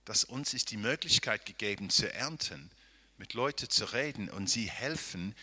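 A man's voice: fairly low pitch, lively intonation, moderate pace, bright, forceful tone, husky. A man preaching a Bible-teaching sermon, often asking the listeners rhetorical questions and checking in with "ja?" as he thinks aloud. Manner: thinks aloud, with restarts and hedging.

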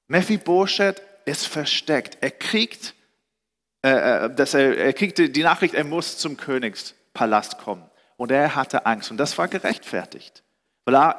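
A man preaching a sermon, retelling a scripture story in an animated, storytelling way with shifting pace and pitch. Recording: reverberant hall.

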